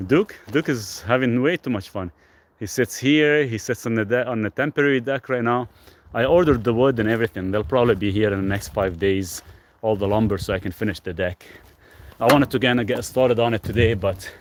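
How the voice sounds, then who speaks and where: Chatty low-voiced man on a live stream. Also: a little hiss or hum. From Lebanon. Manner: chatty, reads viewer comments aloud and answers them. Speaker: livestream host. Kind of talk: casual live-stream chat. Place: outdoors on rural off-grid land. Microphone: phone camera.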